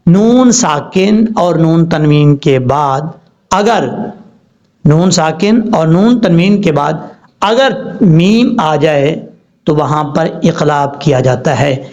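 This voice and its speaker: A man teaching Quran recitation rules with a Pakistani Urdu accent, spelling out words slowly, letter by letter. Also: on the high side, lively intonation, a little mellow. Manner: slow, deliberate letter-by-letter spelling. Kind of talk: spelling-out tajweed lesson. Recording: dull lo-fi recording.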